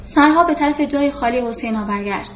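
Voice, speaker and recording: A woman with a high voice reads a novel aloud in steady, scripted narration and speaks the characters' lines without changing her voice much. The recording is slightly muffled, with a faint hiss underneath. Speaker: audiobook narrator.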